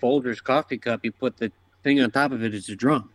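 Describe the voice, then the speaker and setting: A man's voice: mid-range voice, fairly even intonation, a little fast, fairly bright tone, no echo, close to an everyday voice. A man imitating his blunt, impatient father with a Midwestern accent, brusque and swearing. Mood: dismissive. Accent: Midwestern American. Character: gruff blunt Midwestern dad, impatient with effort.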